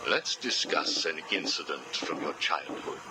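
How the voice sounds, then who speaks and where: A calculating interrogator with a very deep voice that rises and falls as he probes. He sounds clinical and cold. The voice comes through the hiss of a cassette tape. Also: animated, a little slow. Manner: probing, clinical questioning. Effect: played back from a cassette tape recording. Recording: hissy cassette tape playback.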